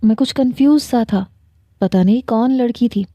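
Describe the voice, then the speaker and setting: Woman narrator for a first-person novel reading, very warm and mellow, calm, with a dry close sound. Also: on the high side, dry recording, lo-fi sound.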